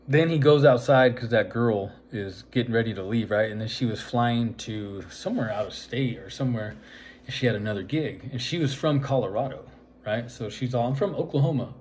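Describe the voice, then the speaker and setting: A man's voice: medium pitch, a little mellow, slight background noise. A man casually retelling a film's plot in a rambling way, full of fillers and "right?" asides. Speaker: vlogger.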